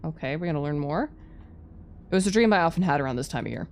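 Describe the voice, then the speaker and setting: A deep-voiced woman streams a visual novel, reading its story text fast with lively intonation and sweary, casual asides in this let's play. Her tone is darkish, with background music and slight background noise.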